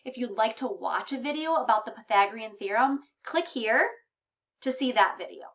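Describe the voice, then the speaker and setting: A high school math teacher, a woman, explaining a math lesson step by step with patient, clear reminders. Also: animated, moderate pace, fairly bright tone.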